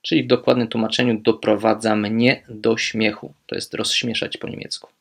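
A man teaching language, speaking German phrases slowly and clearly, then explaining them with quick asides. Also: lowish voice, little pitch movement. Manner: slow, modelling German phrases deliberately, quick asides in Polish.

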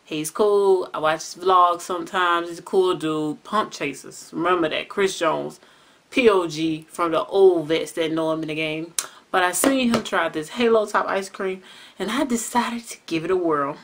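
A woman from the US South with a Southern accent, chatting casually and slangily in a taste-test vlog and growing excited as she reacts. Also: fairly low pitch, normal speed, a little hiss or hum. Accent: Southern American. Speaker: vlogger.

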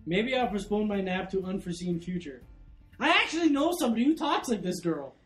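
A man's voice: sits high, very animated, brisk, a bit bright, faint music behind. A young man commentating a video game with friends, joking, swearing and laughing a lot. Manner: profane, jokey, laughs a lot. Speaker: let's play commentator. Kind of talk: casual chat.

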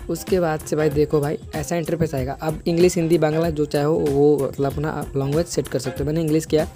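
Young guy explaining an app, buddy-talk, repeats himself, slightly high but mellow voice. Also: flat delivery, fast talker. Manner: repetitive, peppers sentences with "bhai". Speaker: tech video host. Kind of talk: casual app tutorial voice-over. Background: background music.

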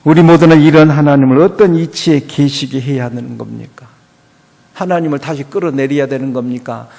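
A man preaching a sermon as pastor at a church, asking rhetorical questions and swinging from quiet to loud. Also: medium pitch, brisk, vocal fry.

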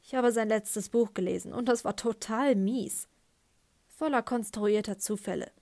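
A woman's voice: on the high side, moderate pace, darkish tone, no room sound, studio quality, natural voice. A woman voicing a boy who grumbles in a scornful, critical way, in an audiobook.

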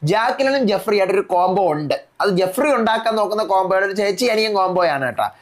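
Speaking in a high, expressive voice, a man goes over a reality show episode in casual fashion, repeating the contestants' lines in rapid order.

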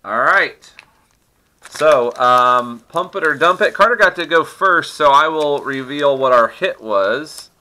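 A middle-aged man hosts a card-opening channel, chatting casually and teasing while he opens trading card packs at his desk at home. His voice sits a little high and sounds animated, bright and forceful, with an unhurried pace. He's chatty and laughs often through this relaxed card-breaking commentary.

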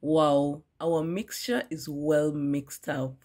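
Loud background music plays as a young cooking vlogger narrates her village cooking video, addressing viewers warmly. She speaks slowly in a deep voice with fairly even intonation.

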